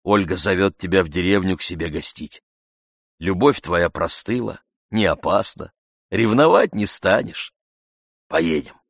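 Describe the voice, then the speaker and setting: Man playing a steady, persuasive friend, calm and coaxing, low unhurried voice. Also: dry recording, studio quality, heavily acted. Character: steady, warm-hearted male friend, persuasive.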